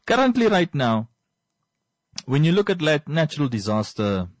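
Speaking with a Namibian accent, this man explains world affairs informally, his phrasing wordy and halting, with frequent repetition for emphasis. His pitch is fairly high and sing-song, with no room sound.

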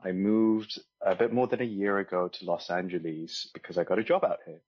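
A man's voice: low voice, steady tone, brisk, husky, dry recording, muffled recording. A man from Korea, a guest speaking in a polite, earnest way. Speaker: panel guest. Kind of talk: casual conversation.

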